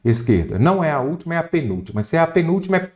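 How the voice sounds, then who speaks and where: A man's voice: a little high, very animated, racing, a little mellow. A man with a Brazilian accent teaching an exam-prep Portuguese grammar lesson, stressing syllables and asking the viewer questions.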